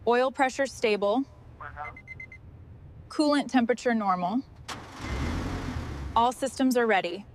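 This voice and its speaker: Background noise accompanies a woman on the high side who speaks a little slowly and pauses often. She is restoring machinery and presenting the job, offering brief narration and clipped orders to her crew.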